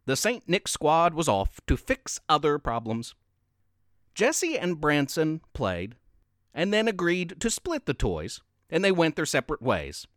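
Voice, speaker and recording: Very expressive male storybook narrator. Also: a little high, no echo, studio quality. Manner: very expressive, sing-song reading.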